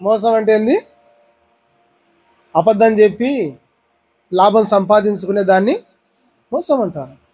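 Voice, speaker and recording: A man's voice: high-pitched, lively intonation, a little slow, pauses often, a little mellow, breathy edge, low-quality recording. A man from India with a Rayalaseema Telugu accent, preaching a sermon and pressing the congregation with repeated questions. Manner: repeated questions to the congregation, teaching with everyday examples. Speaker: pastor.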